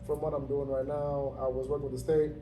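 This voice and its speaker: A man in his thirties, originally from Zambia, telling his story in a relaxed interview with many fillers and easy laughs. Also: mid-range voice, brisk. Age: 30s. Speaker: interviewee, gym owner. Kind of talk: casual interview. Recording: roomy, distant, noisy ambience.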